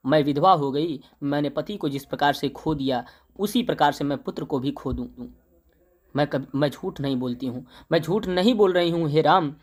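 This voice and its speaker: A young male teacher explaining a poem line by line, slowly reciting the verse and then paraphrasing it in plain speech with fillers. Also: on the high side.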